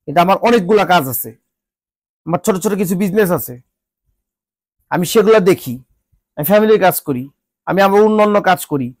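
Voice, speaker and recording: A Bangladeshi man vlogger, sick with a cold that has changed his voice and left his nose congested and stuffy, scolds his viewers in an exasperated rant full of repeated rhetorical questions. His voice is high-pitched and expressive, a little mellow, at normal speed with frequent pauses, and there's no echo.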